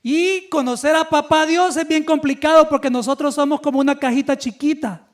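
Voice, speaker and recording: A male pastor preaching a Sunday sermon in a lively teaching manner, putting questions to the congregation. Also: extremely high pitch, moderate pace.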